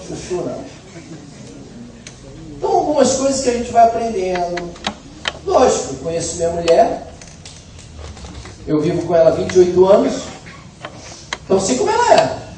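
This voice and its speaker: A man's voice: high-pitched, lively intonation, normal speed, pauses often, mellow. A middle-aged man from Brazil preaching a sermon, with humorous, conversational storytelling. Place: church hall. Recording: echoey hall from far off, faint noise.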